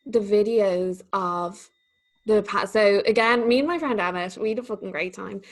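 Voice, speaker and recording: A woman's voice: mid-range voice, moderate pace. A young woman in her twenties co-hosting a podcast, chatting casually and swearing freely. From Ireland. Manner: chatty, swearing, laughing often. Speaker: podcast co-host. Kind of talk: casual chat.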